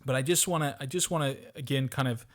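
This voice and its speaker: A man at a middle pitch talks in an earnest, upbeat way as a podcast co-host. He pushes a motivational point in loose, casual chat and often restarts and repeats words while he gathers his thoughts. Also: quick pace.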